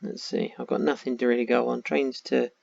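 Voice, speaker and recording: A man's voice: mid-range voice, little pitch movement, a little fast, vocal fry, a little mellow, no echo. A man with a tired voice, thinking aloud in casual commentary while playing a map game. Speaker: game streamer. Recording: dull lo-fi sound.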